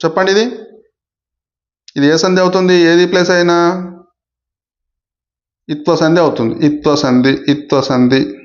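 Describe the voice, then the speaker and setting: A man's voice: fairly high pitch, steady tone, measured pace, long pauses, lo-fi sound. A man teaching an exam-prep grammar lesson, repeating key points and checking in with listeners often. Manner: repetitive, asks "okay?" often.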